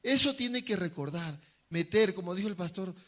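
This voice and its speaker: A man's voice: high-pitched, lively intonation, moderate pace, a bit bright. A man preaching a sermon to his congregation, asking them questions and answering them himself, sometimes acting out short quoted voices. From Bolivia. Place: church hall.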